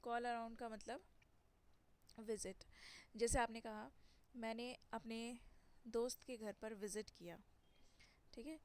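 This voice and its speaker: A young woman teaching English phrasal verbs in Hindi, repeating each word slowly with emphatic stress. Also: fairly high pitch, steady tone. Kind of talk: slow Hindi-English vocabulary lesson.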